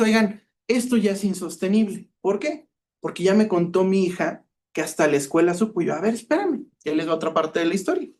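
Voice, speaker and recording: A man with a Mexican Spanish accent, a cybersecurity expert giving a talk and telling case stories, acting out the dialogue as he goes. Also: sits high. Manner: lively storyteller, acts out quoted dialogue. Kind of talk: conference talk with anecdotes.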